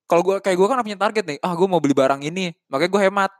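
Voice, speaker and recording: Young man, teasing, quick talker, slightly high voice, dry. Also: no room sound. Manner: teasing, asks quick questions. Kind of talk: casual chat.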